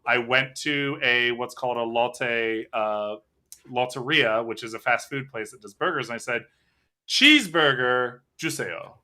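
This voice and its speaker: A man hosting a casual podcast chat, telling stories in an animated, talkative way. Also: medium pitch, unhurried. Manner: chatty, animated storyteller. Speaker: podcast host.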